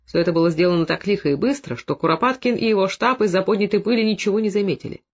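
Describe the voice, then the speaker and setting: A man narrating a literary novel in a measured, expressive storytelling manner. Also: high voice. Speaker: audiobook narrator. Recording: dull lo-fi recording.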